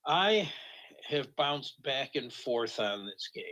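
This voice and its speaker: A man hosting a sports radio show, measured and brief as he leads through the football games. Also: medium pitch, very animated, sharp tone, low-quality recording.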